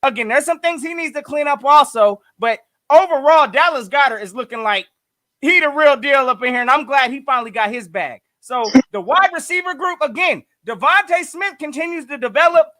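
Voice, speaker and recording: A man with a very high, bright, forceful voice co-hosts a casual sports talk show. He talks in an emphatic, hyped-up way. The recording is dry and close. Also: animated, fairly quick, no room sound. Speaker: podcast co-host.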